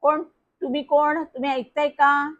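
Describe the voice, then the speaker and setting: A woman's voice: high-pitched, level tone, moderate pace, a bit bright, muffled recording, pitched above the performer's own voice. A woman voicing a flustered young boy protesting on a public telephone.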